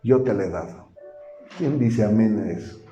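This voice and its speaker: Man, pastor preaching, warm mellow voice, roomy church sound, soft music behind. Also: on the low side, lively intonation, moderate pace, muffled recording. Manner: asks the congregation questions and acts out quoted speech. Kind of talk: sermon. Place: church hall.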